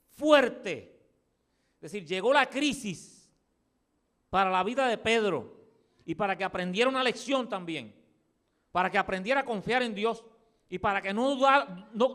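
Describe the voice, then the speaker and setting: A man preaching a sermon on the radio as a pastor, swinging between loud, emphatic cries and quiet, low musing as he acts out Bible dialogue. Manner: acts out quoted Bible dialogue with dramatic voices. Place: radio studio or church pulpit.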